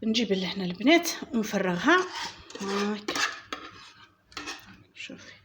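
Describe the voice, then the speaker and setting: A woman's voice: mid-range voice, expressive, unhurried, noisy background. A woman with an Algerian Arabic accent hosting a home baking tutorial, chatting and guiding viewers step by step as if talking to friends. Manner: chatty and instructive, addressing viewers as "girls". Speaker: home baking channel host. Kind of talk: casual cooking tutorial. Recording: music playing clearly behind her.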